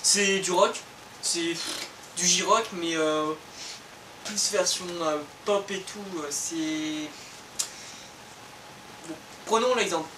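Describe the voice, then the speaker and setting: A man's voice: high voice, slow, pauses often. A young man co-hosting a casual, improvised chat between friends, rambling and hesitant with lots of filler words. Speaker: co-host. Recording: echoey room, distant mic, noisy.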